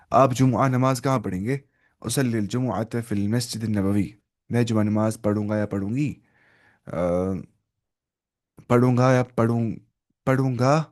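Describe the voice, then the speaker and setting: A man teaching an online Arabic lesson in with English words mixed in, reading Arabic phrases slowly and then explaining them. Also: mid-range voice, a little mellow.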